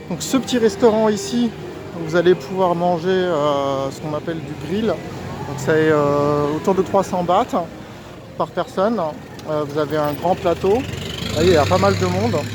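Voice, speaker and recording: A man giving a casual walking tour as a vlogger, his voice slightly muffled through a face mask, outdoors on a busy street. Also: on the high side. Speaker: vlogger, street food guide. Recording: outdoor street recording with clear traffic noise. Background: urban street noise, vehicles.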